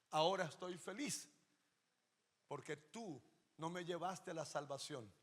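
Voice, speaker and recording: High-voiced impassioned male preacher. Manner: impassioned, swinging from loud emphasis to hushed storytelling. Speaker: pastor. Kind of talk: sermon. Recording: long reverb of a large hall.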